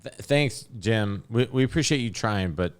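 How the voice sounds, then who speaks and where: Low-voiced man joking on a podcast. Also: expressive, moderate pace, clear, resonant tone. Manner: joking, mock-exasperated. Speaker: podcast host. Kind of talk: casual chat.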